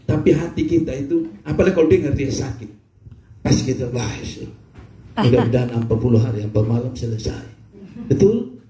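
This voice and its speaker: A man preaching a sermon as a pastor, telling stories with humor and bursts of shouting. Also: fairly high pitch, reverberant. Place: church.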